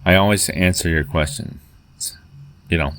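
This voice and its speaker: A man telling a personal story in a halting way, with many fillers and restarts, reading out old chat messages. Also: sits low, vocal fry, fairly bright tone, a little hiss or hum.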